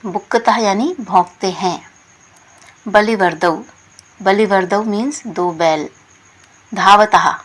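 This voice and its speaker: A woman gives a slow, unhurried lesson. She says each word, then patiently explains what it means, at a middle pitch. Her steady, measured delivery suits a classroom walkthrough. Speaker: teacher.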